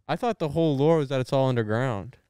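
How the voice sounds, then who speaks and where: A man's voice: mid-range voice, quick pace, dark tone, smooth, no room sound, clean studio sound. A young man with a lisp that slurs his s sounds, bantering casually as a podcast co-host.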